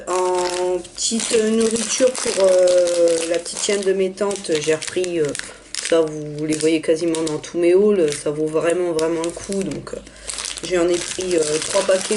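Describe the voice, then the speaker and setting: A hoarse young woman, raspy from being ill, chatting through a casual haul video with many hesitations. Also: fairly low pitch, a little mellow, slight background noise. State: hoarse from illness. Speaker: vlogger.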